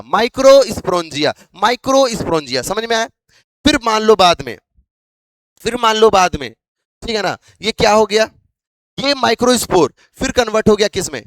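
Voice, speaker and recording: A man's voice: sits high, animated, brisk, fairly bright tone, no echo. A male biology teacher lecturing a class, asking questions over and over to drill his students.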